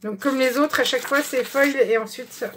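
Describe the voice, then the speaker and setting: Woman vlogger, relaxed chatty haul talk, higher voice, faint background hiss. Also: moderate pace. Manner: chatty, many fillers, shows items one by one. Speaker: craft vlogger. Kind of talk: casual haul video. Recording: faint background noise with clicks.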